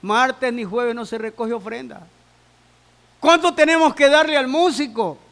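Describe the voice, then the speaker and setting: In a church sanctuary, a male pastor preaches a sermon to his congregation, using repetition and rhetorical questions. His voice is very high, a bit bright, and a little slow. Long reverb fills the church hall.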